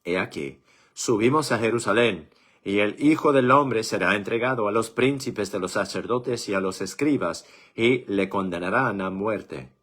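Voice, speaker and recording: A man voicing a calm male teacher who speaks in measured, solemn phrases. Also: fairly low pitch.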